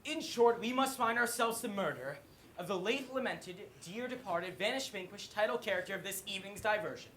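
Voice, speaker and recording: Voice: medium pitch, animated, fairly quick, fairly bright tone, slight background noise. A performer playing a brash, wry music hall chairman, declaiming grandly and teasing the audience in theatrical patter, on a live stage recording. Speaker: master of ceremonies in a stage musical.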